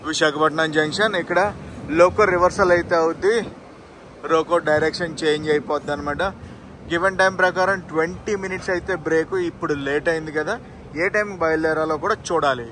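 A chatty man films himself on a train journey and talks to his viewers the whole way, pointing out tracks and stations. His voice sits a little high for a man. Loud rumble from the train and the station plays under every word. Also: fast. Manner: chatty, addresses viewers directly, points things out. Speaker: train travel vlogger. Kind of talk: casual travel vlog narration. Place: on a train and station platforms, outdoors. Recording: train and station noise behind.

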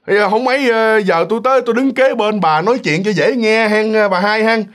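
A man's voice: high-pitched, fairly quick, fairly bright tone, voice pushed up. A man with a Southern Vietnamese accent voicing a teasing male ghost, speaking in a jokey, mock-innocent way. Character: teasing male ghost of a dead neighbor, glowing.

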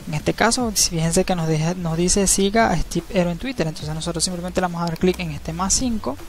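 A man narrating a screen-recorded tutorial, explaining each step in a relaxed, easygoing way and often checking in with the viewer. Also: high voice, fairly quick. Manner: relaxed, step-by-step, frequent tag questions. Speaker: crypto channel host. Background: faint background music.

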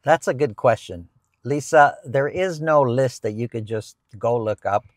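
A man's voice: mid-range voice, measured pace, dry recording, clean studio sound. A middle-aged man, a real estate agent, answering viewer questions in casual chat from a parked car, explaining with frequent restarts and repeated words. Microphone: lapel mic.

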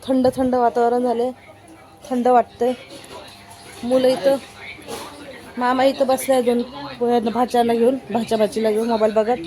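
A woman's voice: a little high, flat delivery, normal speed, long pauses, mellow. A woman, chatting casually as she shows her family and rural home in a vlog. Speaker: vlogger. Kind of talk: casual village vlog narration.

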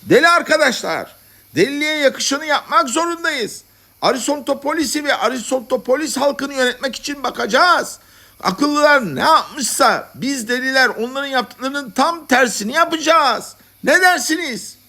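A man voicing a grandiose, excitable lunatic leader who orates to a crowd in a storybook reading. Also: normal speed, heavily acted. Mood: rousing. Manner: high-pitched, orating to a crowd.

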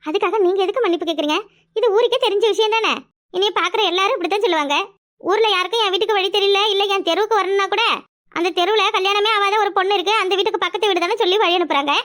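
A woman voicing a stern, dutiful young unmarried village woman in a cartoon, curt and sharp-tongued, with a southern Tamil accent. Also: very high voice, very fast. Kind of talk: cartoon voice acting.

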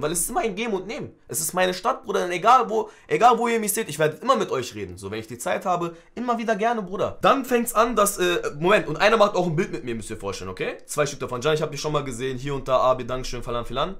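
Fast, animated young man. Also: fairly high pitch. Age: 20s. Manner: animated, street slang, quick retelling with acted quotes. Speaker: streamer. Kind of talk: casual live-stream storytelling.

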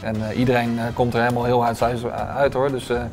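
A man's voice: mid-range voice, little pitch movement, fast talker, over music. Hesitant man interviewed in a restaurant. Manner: hesitant, many filler sounds. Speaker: restaurant owner. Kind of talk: interview answers. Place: restaurant dining room with large windows.

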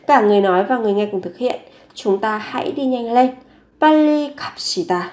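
A woman language teacher explaining grammar patiently, repeating example phrases slowly and clearly. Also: on the high side, lively intonation, darkish tone. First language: Vietnamese. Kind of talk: teaching Korean grammar in Vietnamese.

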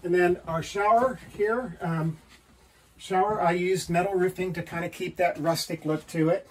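A homeowner in his fifties, his voice high-sitting and steady at a normal speed, gives a casual tour of his small wood-paneled tiny house. He explains things plainly and matter-of-factly with frequent ums, captured by a camera a few feet away, so the sound is roomy, slightly distant and faintly hissy.

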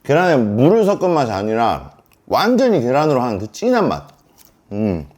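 A man's voice: medium pitch, wildly swooping pitch, normal speed, darkish tone. A man in his thirties chatting to viewers at home while eating a delivery meal and drinking, in a casual mukbang vlog. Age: 30s. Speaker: mukbang vlogger.

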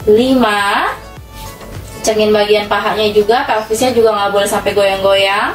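A woman's voice: medium pitch, level tone, brisk. An Indonesian woman instructing an exercise class, cueing breaths and counting workout reps in short phrases. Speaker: fitness instructor for older adults. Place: small tiled indoor room at home. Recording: echoey room, distant mic, music behind.

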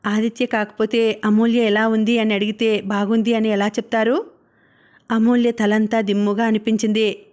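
Woman reading a novel out loud, audiobook style, kinda high voice, pretty flat and even. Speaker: audiobook narrator. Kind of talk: audiobook narration.

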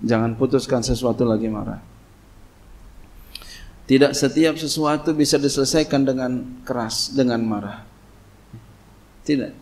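A man's voice: mid-range voice, a little mellow. Man teaching Quranic commentary. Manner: reads Arabic text slowly, then explains in casual Indonesian with frequent "ya". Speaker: Islamic cleric teaching tafsir. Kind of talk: kitab study sermon.

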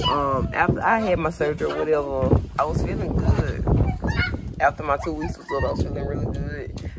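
A woman with a very deep, hoarse voice chats casually to her camera, rambling and filling gaps with "um". She sits outdoors on a porch, with heavy background noise running under her voice. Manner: loose and rambling, with many fillers. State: hoarse, voice going in and out. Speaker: vlogger and mother.

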